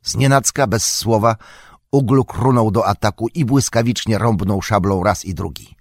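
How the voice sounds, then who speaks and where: A male audiobook narrator reading fantasy prose in a steady, measured way. His voice is very deep and husky, recorded close and dry with no room sound. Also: no room sound.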